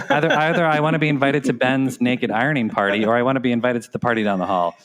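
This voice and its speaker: Male, medium pitch, playful and teasing, casual podcast co-host chatter. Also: lively intonation, fast, fairly bright tone. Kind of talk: casual chat.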